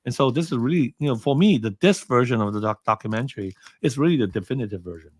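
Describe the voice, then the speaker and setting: A man's voice: mid-range voice, expressive, quick pace, no room sound. Rambling man from Hong Kong, dry sound. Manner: rambling with many fillers and restarts. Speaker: interview guest, film commentator. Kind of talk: casual storytelling interview.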